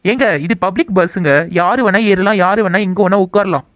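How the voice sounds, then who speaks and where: A woman's voice: medium pitch, a little fast, no echo, natural voice. A woman voicing a lovestruck young man in a cartoon love story, coaxing and teasing. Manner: coaxing, playful. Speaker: hero.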